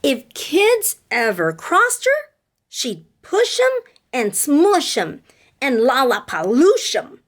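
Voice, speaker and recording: Like a teacher, a woman reads a picture book aloud to children, addressing them directly with dramatic emphasis. Her voice is high, with wildly swooping pitch and a slow pace.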